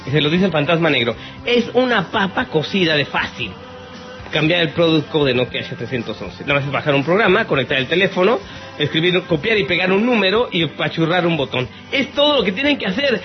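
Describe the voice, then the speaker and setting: Chatting casually as a podcast host fielding listener questions, this Mexican man is theatrical, playful and mock-exasperated. His voice sits a little high, with lively intonation and a slightly quick pace. Music runs beneath a dull, lo-fi radio sound.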